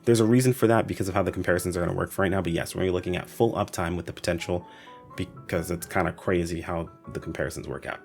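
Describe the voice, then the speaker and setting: Over background music, a man with a low, steady, creaky voice races through a casual voice-over explaining a game's weapon stats. His commentary is conversational, with emphatic asides.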